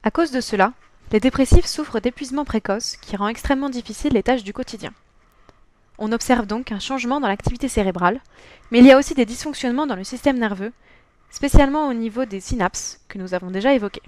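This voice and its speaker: A woman's voice: on the high side, quick pace, darkish tone. A teenage girl from France narrating a scripted school presentation, reading a prepared text carefully and evenly. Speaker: student presenter.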